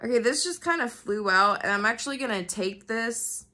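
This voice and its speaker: This tarot reader's voice sits higher and moves at a normal pace, animated, pushed and bright, though stuffed up from an oncoming cold. She chats casually with her audience, cursing often and using lots of fillers, while seated at a low reading table indoors. Only her cards are on camera.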